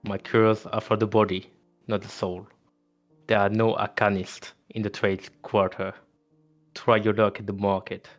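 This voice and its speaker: A man's voice: on the low side, little pitch movement, measured pace, soft background music, close to an everyday voice. A man voicing an aloof, dismissive male raccoon dog healer in a cold, formal tone.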